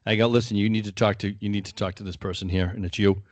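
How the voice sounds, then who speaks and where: A man's voice: lowish voice, steady tone, quick pace, no room sound. A man co-hosting a home improvement podcast, chatting casually and acting out his own stories. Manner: storytelling, acts out what he told people. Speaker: podcast co-host. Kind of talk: casual chat.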